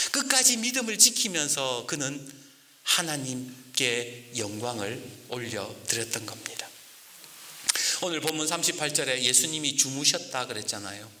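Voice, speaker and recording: Male pastor preaching, dramatic, bright tense voice, big echoey church. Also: medium pitch. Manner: dramatic, acts out scripture quotes. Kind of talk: sermon.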